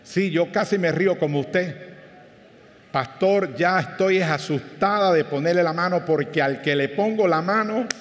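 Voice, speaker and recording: Panamanian pastor preaching in a reverberant church. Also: male voice, high-pitched, measured pace, a little hiss or hum. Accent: Panamanian Spanish. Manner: conversational preaching with anecdotes and questions to the congregation. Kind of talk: sermon.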